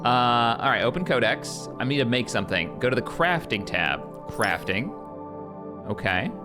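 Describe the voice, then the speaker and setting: A man's voice: medium pitch, animated, normal speed, over music. A man streaming a game live, chatting casually, reading on-screen prompts aloud and answering his chat. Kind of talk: casual live gameplay commentary.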